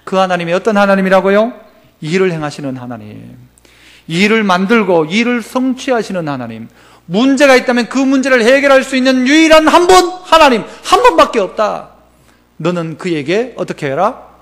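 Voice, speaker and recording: A man from the Gyeongsang region of Korea, speaking with a Gyeongsang accent, preaching a lively sermon as pastor and coaxing the congregation to repeat after him. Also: brisk. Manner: animated preaching, rising to emphatic calls then dropping low.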